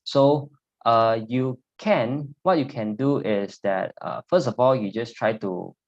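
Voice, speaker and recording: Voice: medium pitch, takes it slowly, a little mellow, muffled recording. An instructor with a Singaporean or Malaysian accent explains technical steps informally in Singlish, often ending phrases with "lah". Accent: Singaporean or Malaysian English. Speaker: programming instructor.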